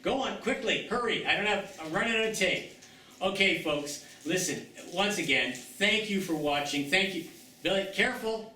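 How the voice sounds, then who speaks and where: A man with a bright, forceful voice hosts a comedy sketch show, rambling along and coaxing with stumbling restarts. He sits a little high for a man and sounds set back from the mic, in a roomy space with a faint hiss behind him. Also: animated, normal speed, distant mic. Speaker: show host.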